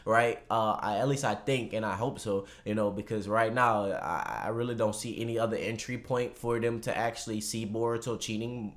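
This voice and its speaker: Higher-pitched man in slangy casual preview commentary. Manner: slangy, swears freely, conversational. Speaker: anime commentary vlogger.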